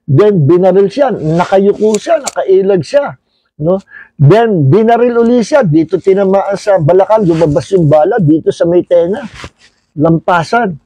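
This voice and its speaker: A man's voice: high voice, expressive, a little slow, mellow, husky, rough recording. A man with a Filipino accent, a pastor teaching an online Bible study, telling stories as he goes and tagging his points with a questioning "no?". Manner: storytelling, mixes Tagalog and English, frequent "no?" tag.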